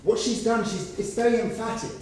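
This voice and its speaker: In a conference room, a man presents his research in a high-pitched voice at a fairly quick clip. He walks patiently through examples, leaning often on "sort of" as a hedge. The room echoes, the microphone sits far off, and a faint noise lingers.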